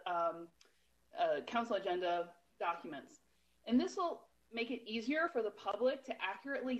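A woman on a city council giving steady, explanatory remarks at a meeting, pointed about bureaucracy. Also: on the high side, rough recording.

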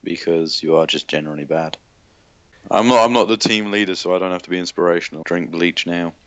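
A man's voice: sits low, a little fast, no echo, highs cut off. A man trading dry, teasing banter with a friend while they play a game together. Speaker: co-op gaming partner. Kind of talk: casual gaming banter.

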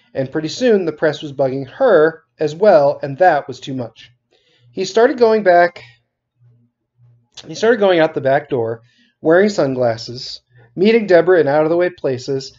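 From his living-room couch at home, a middle-aged man who teaches offers his students a casual introduction and then reads aloud from a children's novel. He has a fairly high-pitched, warm voice, and the webcam audio is dull and lo-fi.

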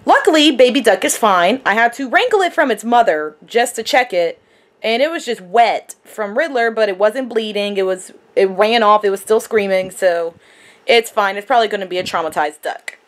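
A woman's voice: mid-range voice, animated, normal speed. A young woman vlogger talking casually to the camera in a video diary. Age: young adult. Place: small wood-paneled room at home.

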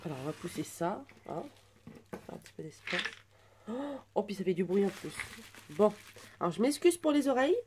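A woman in her twenties chatting through an unboxing at home, gushing with soft exclamations. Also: mid-range voice, very animated, normal speed, noisy background. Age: 20s. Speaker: vlogger unboxing a birthday gift. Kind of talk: casual unboxing chat.

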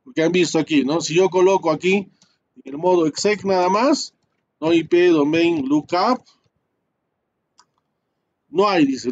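A man's voice: on the high side, highs cut off. A male networking instructor walking students through a switch lab step by step, full of fillers and tag questions. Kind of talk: live screen-share class.

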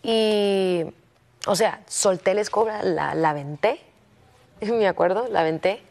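A young woman, a contestant, telling her teacher a personal story in a soft, hesitant way, often stopping and restarting her sentences. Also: mid-range voice, slow pace, gravelly. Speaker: singing competition contestant.

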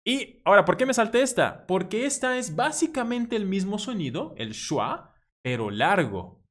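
A man's voice: sits high, big pitch swings, moderate pace. A man whose first language is Spanish, teaching English pronunciation and drilling vowel sounds with many repetitions. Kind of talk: pronunciation lesson.

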